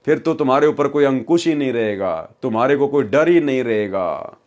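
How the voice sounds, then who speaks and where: A man's voice: mid-range voice, animated, a little fast, darkish tone. A man giving a devotional talk, earnest, who reels off long lists and keeps asking rhetorical questions. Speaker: follower presenting the sermon.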